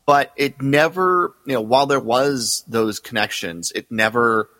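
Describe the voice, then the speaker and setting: A man's voice: medium pitch, measured pace, pushed and bright, no echo, big-room sound, low-quality recording. A man co-hosting a casual podcast, enthusiastic but hesitant, with many fillers.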